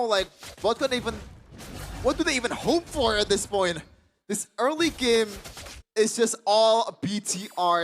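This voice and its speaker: High-pitched, excitable male esports caster. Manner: excitable, exclaims often. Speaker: esports shoutcaster. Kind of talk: live game commentary.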